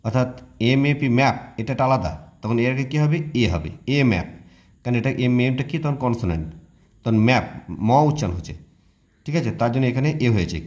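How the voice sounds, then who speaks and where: Fast-talking man teaching grammar. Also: medium pitch, darkish tone. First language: Bengali. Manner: explains step by step, asks and answers his own questions. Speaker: English teacher. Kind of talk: classroom-style grammar lesson.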